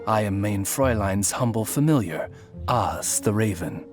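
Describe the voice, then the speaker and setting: A man voicing a polite, courtly talking raven familiar in a video game, calm and formal. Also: fairly low pitch, moderate pace, lightly acted. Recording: game audio with music behind.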